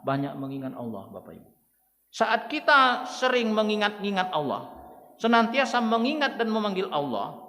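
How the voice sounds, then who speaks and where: A man's voice: medium pitch, fairly bright tone. A male Islamic preacher, giving a mosque sermon full of storytelling and often addressing the congregation directly. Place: large mosque hall. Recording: long reverb of a large mosque hall.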